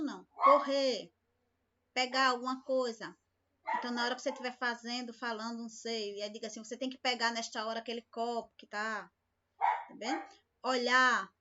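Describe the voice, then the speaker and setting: A woman's voice: fairly high pitch, sharp tone, highs cut off. A woman teacher giving a recorded remote lesson, patient and speaking to the class with many questions. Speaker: school teacher.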